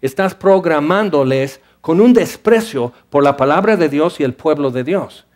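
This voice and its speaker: A man preaching a sermon in an animated way, acting out the voices of his listeners and moving between loud and hushed delivery. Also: on the high side, measured pace.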